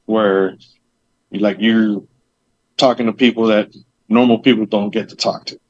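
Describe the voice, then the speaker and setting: A man's voice: lowish voice, steady tone, a little slow, a little mellow, no room sound. A man chatting as a podcast guest about opening a business, rambling, with loose fillers and lots of side detail. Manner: chatty, rambling, acts out conversations. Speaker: guest, meadery owner. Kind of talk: casual podcast interview. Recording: dull lo-fi dry audio.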